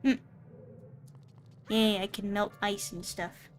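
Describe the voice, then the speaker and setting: Over faint game music, a VTuber streamer talks through her gameplay in a playful, giggly, self-mocking way. Her voice is on the high side and unhurried, with a little hiss or hum in the recording.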